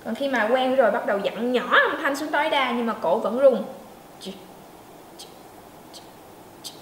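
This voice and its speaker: High-voiced woman teaching pronunciation, echoey. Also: slight background noise. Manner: demonstrates sounds slowly, asks learners to check in. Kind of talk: pronunciation lesson. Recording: echoey room with faint ambience.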